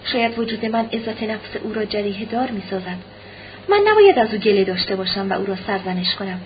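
A woman reading an audiobook, voicing an anguished, proud young noblewoman in a quiet, subdued way; slightly muffled recording with faint hiss. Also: medium pitch, animated, natural voice. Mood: sorrowful.

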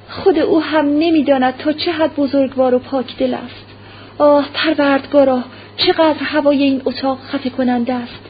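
A woman's voice: high-pitched, close to an everyday voice. A woman reading aloud and voicing a dying young noblewoman who pleads urgently and breathlessly, on a muffled lo-fi recording with faint hiss. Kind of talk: audiobook character reading.

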